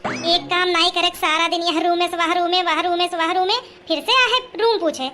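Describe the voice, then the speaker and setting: A woman's voice: very high-pitched, fairly even intonation, a little fast, pushed and bright, a little hiss or hum. An actress playing a nagging, scolding village mother-in-law who speaks an in a comedy skit.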